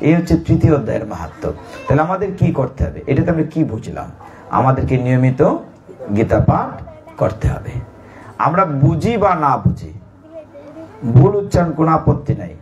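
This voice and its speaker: A man's voice: a little high, darkish tone. A man giving a devotional sermon. He tells a scripture story, asks his listeners questions and answers them himself, and speaks directly to the children present. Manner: talks directly to children in the audience. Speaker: devotional preacher.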